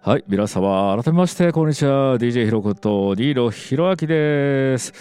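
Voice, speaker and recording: A man hosting a casual radio interview as the DJ, talking in a meandering, halting way with many small interjections. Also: medium pitch, expressive, over music. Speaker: radio DJ host.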